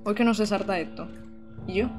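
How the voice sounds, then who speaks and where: A young woman from Almería, streaming a game live and chatting excitedly with her viewers. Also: mid-range voice, fast talker, over music. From Almería, Andalusia, Spain. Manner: chatty and excitable, talks to chat, exclaims often. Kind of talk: live-streamed gameplay commentary.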